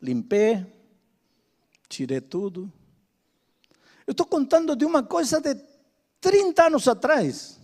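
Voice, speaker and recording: An older male preacher delivers a sermon in a strikingly high voice that rises and falls a great deal. He hammers home repeated phrases and tells his story with drama. His voice carries the long reverb of a large hall. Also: big pitch swings, slow, long pauses, a little mellow.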